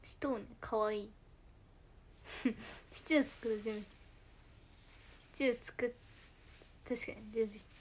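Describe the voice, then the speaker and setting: Young woman from kochi, tosa dialect, fairly high voice, soft chatty livestream talk, slips into whispers. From Kochi, Japan. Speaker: idol livestreamer. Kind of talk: casual livestream chat answering comments.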